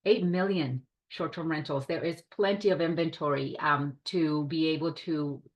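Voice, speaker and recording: Woman, from Puerto Rico, enthusiastic presenter, video call webinar, lower voice. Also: moderate pace, highs cut off. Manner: enthusiastic, chatty, warm hospitality tone. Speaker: director of short-term rentals, presenter.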